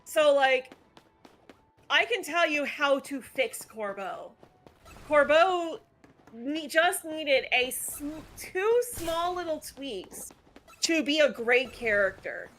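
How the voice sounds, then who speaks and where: A woman hosts a casual chat about games, picking apart characters in an opinionated, analytical way. Her voice is bright and a touch high. Faint music plays underneath. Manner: opinionated, analytical, lots of "like" fillers. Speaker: channel host. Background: faint background music.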